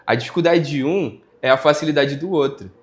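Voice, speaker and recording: A man's voice: fairly high pitch, a little fast. A Brazilian male music teacher explaining his lessons in a casual school podcast interview, counting out examples as he goes.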